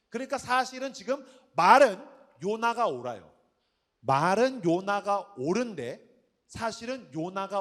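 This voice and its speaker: High-voiced emphatic male pastor preaching. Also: a bit bright. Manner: emphatic, conversational preaching with questions to the audience. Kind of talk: evening sermon to a young adults group.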